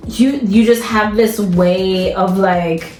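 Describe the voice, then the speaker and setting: A woman's voice: mid-range voice, steady tone, takes it slowly, a little mellow, echoey room, soft background music. A woman therapist and guest, talking casually and reflectively and laughing easily. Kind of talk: casual chat.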